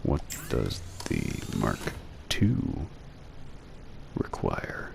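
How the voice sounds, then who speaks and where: A man's voice: a bass voice, lively intonation, measured pace, gravelly, noisy background. A man giving casual, irreverent and mildly profane let's-play commentary as host of a gaming video. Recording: music behind the voice. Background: music.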